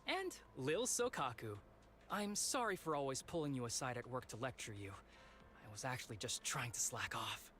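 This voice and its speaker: A man's voice: medium pitch, lively intonation, normal speed, fairly bright tone, natural voice. A man playing a sly, easygoing young male agent in a video game, teasing, nonchalant and playfully polite. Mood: teasing, breezy.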